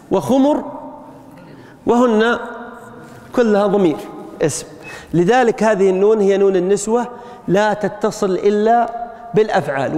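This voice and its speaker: A man's voice: high voice, darkish tone. A man teaching a grammar lesson to a class. He keeps quizzing the students with rhetorical questions and calls on them with a short "ha". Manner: asks the class rhetorical questions, frequent "ha" prompts. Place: lecture room with students. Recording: long reverb from a hall.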